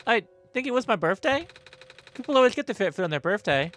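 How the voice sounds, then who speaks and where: A man voices a small cat-like child in a video game, whiny and full of curiosity. The voice is high and bright and jumps all over. Quiet music plays behind it. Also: sing-song, fast. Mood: chatty.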